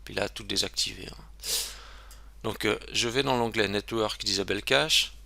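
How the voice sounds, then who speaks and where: A man's voice: on the low side, moderate pace, gravelly, sharp tone, no room sound. A man giving a casual screen-recorded web tutorial, chatty and self-interrupting, with lots of fillers.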